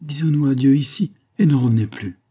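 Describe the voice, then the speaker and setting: A man's voice: mid-range voice, brisk, dark tone, breathy edge, voice pushed up, lightly acted. A man reading the lines of a proud young woman who firmly turns away a suitor, in a restrained, firm voice.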